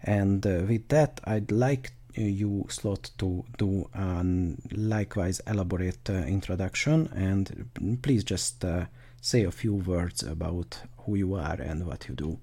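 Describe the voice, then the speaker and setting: A man's voice: deep voice, measured pace, dark tone. A man hosting a podcast interview, speaking with a hesitant manner and many fillers. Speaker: podcast host.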